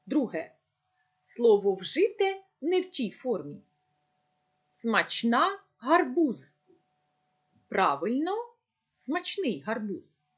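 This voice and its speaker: A woman teacher giving a recorded lesson, speaking slowly and deliberately as if dictating. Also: fairly high pitch, very animated, a little mellow, husky, muffled recording. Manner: slow, deliberate dictation-like delivery.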